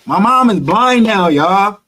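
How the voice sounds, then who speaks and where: A man's voice: sits high, expressive, slow pace, bright, forceful tone. A man vlogging a personal story to viewers, candid and emotional, swearing freely.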